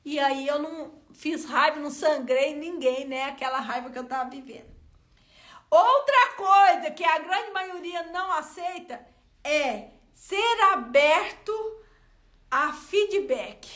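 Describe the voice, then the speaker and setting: Brazilian lady telling a story in her self-help vlog, super high voice, colloquial, lots of "gente"-style asides to viewers. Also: slow. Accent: Brazilian Portuguese. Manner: expressive, colloquial storyteller addressing viewers directly. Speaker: self-help content creator. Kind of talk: motivational talk with personal story.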